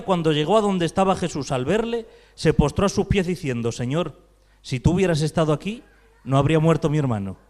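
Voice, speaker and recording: High-voiced Spanish pastor preaching. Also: male voice, a little mellow. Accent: Spain Spanish. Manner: preaching with rising intensity, rhetorical questions. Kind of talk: sermon.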